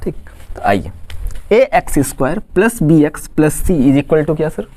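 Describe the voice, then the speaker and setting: A man's voice: fairly high pitch, very animated, normal speed, warm tone, no echo. A man from Bihar, teaching a maths lesson. He often asks a question and then answers it himself. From Khagaria, Bihar, India. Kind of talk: classroom lesson explanation.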